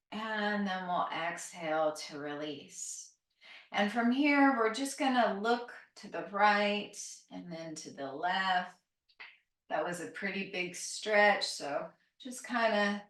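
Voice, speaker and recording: Slow, calm woman guiding grounding yoga, roomy sound. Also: medium pitch. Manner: gentle, unhurried, encouraging instruction with soft phrase endings. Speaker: yoga instructor. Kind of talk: calm grounding exercise, guided gentle yoga and breathing. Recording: roomy, echoing, distant microphone.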